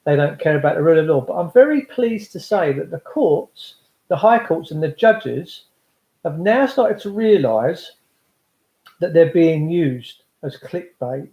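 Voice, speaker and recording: A man's voice: on the high side, lively intonation, a little slow, dark tone, reverberant, rough recording. An English man livestreaming an impassioned political monologue to his followers, speaking emphatically and repeating phrases for weight. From England. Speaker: livestream host addressing followers.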